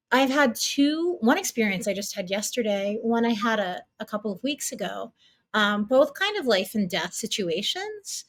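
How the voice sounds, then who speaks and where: A woman hosting a podcast in a casual, reflective conversation, speaking in an appreciative, supportive manner. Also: medium pitch. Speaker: podcast host.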